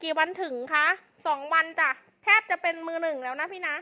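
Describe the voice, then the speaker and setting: Female live seller. Piercingly high and sharp, fast hype delivery with insistent, repeated sales lines. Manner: insistent, repetitive sales patter. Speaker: live-stream clothing seller.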